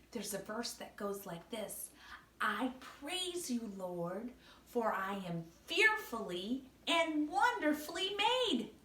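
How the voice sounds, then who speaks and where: A woman's voice: high voice, fairly bright tone, a little hiss or hum. A woman hosting a kids show, talking to young children in a sing-song, exclaiming manner. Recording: echoey room, distant mic.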